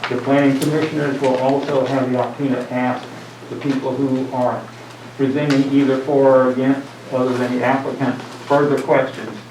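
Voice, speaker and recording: A man's voice: medium pitch, little pitch movement. American guy chairing a public meeting thru a face mask, speaking up, echoey room, noisy recording. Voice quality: slightly muffled by a face mask. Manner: deliberate, speaking up to be heard. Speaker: planning commission chairman. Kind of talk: formal meeting opening remarks. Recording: distant mic, echoey room, clear noise.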